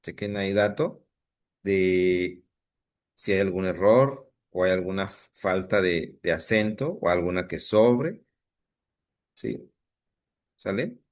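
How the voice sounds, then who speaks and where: A man's voice: low-pitched, expressive, takes it slowly, pauses often. A male teacher with a Mexican Spanish accent giving an online lesson and checking in patiently with his students.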